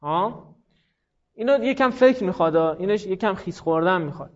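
High-voiced man teaching a class. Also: expressive, lo-fi sound. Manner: explains step by step and asks the class questions. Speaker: teacher of Arabic grammar. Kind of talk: classroom lecture.

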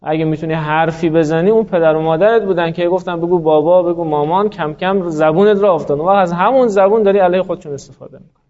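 A man's voice: a little high, darkish tone. A man teaching a grammar class, explaining patiently, quizzing his students and drawing out the words he quotes. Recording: muffled lo-fi classroom recording.

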